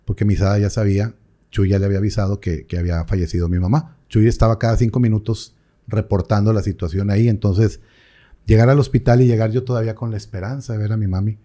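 With a fast, steady, dark-toned voice on the low side, a priest tells an interviewer a personal story full of feeling. He quotes others, and at moments his voice rises and breaks.

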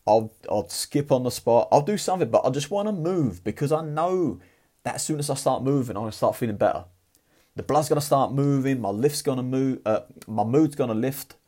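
A husky-voiced man talks straight to the listener about getting moving. He keeps it casual, swears freely and pushes hard with blunt motivation. His voice sits at a medium pitch with a rough, breathy edge. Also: expressive, a little fast, mellow. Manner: blunt, profane and fired-up. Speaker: motivational vlogger.

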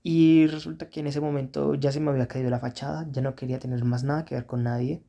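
A man's voice: mid-range voice, steady tone, quick pace, gravelly, mellow. A man telling his own story in a candid, rambling, self-critical way. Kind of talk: casual first-person storytelling.

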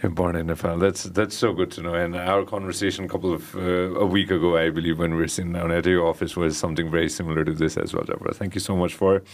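A man's voice: sits low, fast talker, few pauses. A man hosting a podcast interview, affirming his guest and asking questions. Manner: attentive, affirming, short backchannels. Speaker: podcast host.

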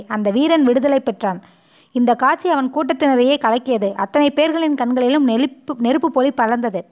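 A woman's voice: high-pitched, lo-fi sound. A woman reading a historical novel aloud as an audiobook, voicing every character herself with small shifts. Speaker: storyteller.

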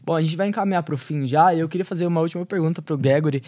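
A man's voice: a little high, rapid-fire, dark tone. A man hosting a podcast, friendly as he explains a game step by step. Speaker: podcast host.

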